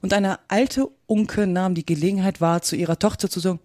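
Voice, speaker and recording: A woman narrating a children's storybook in a measured, expressive reading. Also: medium pitch, dry recording, clean studio sound. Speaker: audiobook narrator.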